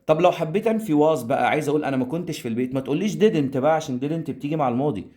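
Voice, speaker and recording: A man with an Egyptian Arabic accent teaching an English grammar lesson, asking questions and answering them himself in a lively way. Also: a little high, very fast. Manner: lively, asks and answers his own questions.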